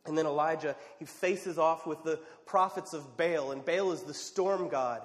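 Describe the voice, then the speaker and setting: A man preaching a sermon, telling a story with drama and dropping to a hush at quiet moments. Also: fairly high pitch, normal speed. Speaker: pastor. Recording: long reverb of a large hall.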